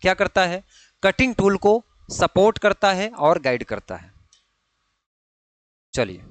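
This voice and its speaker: Male lecturer, slightly high voice, dry close mic, repetitive question-and-answer teaching. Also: sing-song, slow pace, dry recording. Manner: frequent checking tags, repeats key terms. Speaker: ITI fitter exam teacher. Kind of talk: online classroom lecture.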